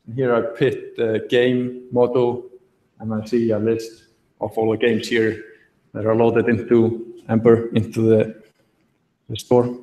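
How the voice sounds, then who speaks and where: A young man giving a relaxed tech talk at a meetup, thinking aloud with fillers from a podium in a large auditorium. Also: mid-range voice, measured pace. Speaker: conference speaker. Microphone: podium mic, recorded from the hall. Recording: echoey hall.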